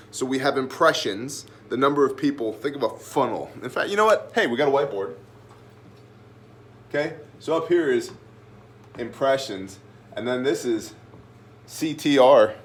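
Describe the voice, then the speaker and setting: Standing at a whiteboard, the host of a prepper video class gives an informal lesson to camera, blunt, slangy and emphatic. His mid-range voice has a fairly bright tone and a slightly phlegmy quality, with slight background noise.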